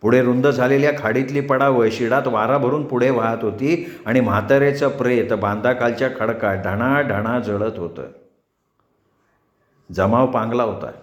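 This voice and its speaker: Man narrating a novel in an echoey room. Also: mid-range voice. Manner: measured, expressive reading. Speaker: storyteller reading a novel. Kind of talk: storybook narration. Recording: roomy echo.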